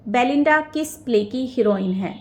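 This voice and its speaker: A young woman with an Indian English accent, teaching an exam quiz lesson. She reads each English question slowly and deliberately, then explains it in Hindi. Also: a little high, lively intonation, darkish tone, roomy sound.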